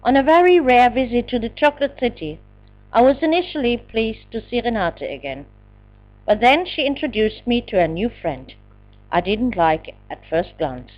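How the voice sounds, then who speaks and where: A woman's voice: a little high, very animated, moderate pace, muffled recording. A woman reading her own memoir aloud with dramatic, emotional delivery. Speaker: narrator. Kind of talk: memoir audiobook narration.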